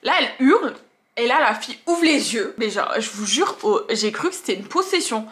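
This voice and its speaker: A woman tattoo artist recounts stories from her work to camera. Her voice sits a little high and has a bright edge. She tells it in an animated way, acting out the scenes as she goes. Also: brisk. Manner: animated, acts out scenes and quotes. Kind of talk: storytelling vlog.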